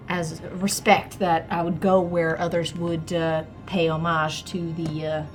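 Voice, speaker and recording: A woman's voice: on the low side, little pitch movement, unhurried, faint music behind. A woman playing a tabletop role-playing game, improvising in character in a hesitant, polite way.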